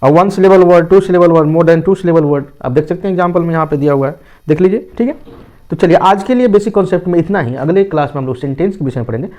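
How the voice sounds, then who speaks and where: A man's voice: fairly high pitch, quick pace, darkish tone. A man teaching English grammar to Hindi-speaking students in an online lesson, explaining step by step and answering his own questions. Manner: fills with "thik hai na" tags.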